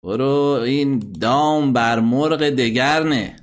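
A man hosting a satellite call-in program, playing listener messages and bluntly scolding and insulting critics. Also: medium pitch.

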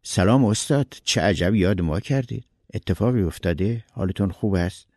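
A man's voice: lowish voice, darkish tone, no room sound, clean studio sound. A man voicing a fussy, helpful male neighbor who asks solicitous questions. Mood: fussing.

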